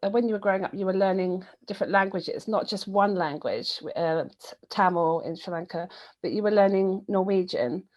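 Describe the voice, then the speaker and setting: A woman's voice: medium pitch, moderate pace, rough recording. Hesitant woman hosting a webinar interview. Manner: hesitant, frequent ums and uhs. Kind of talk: interview questions. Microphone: webinar video call.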